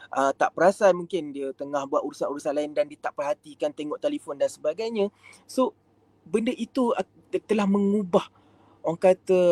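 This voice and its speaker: High-voiced Malaysian man giving a counseling talk. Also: a little mellow, no room sound. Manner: frequent fillers, mixes in English words. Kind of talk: live-streamed lecture.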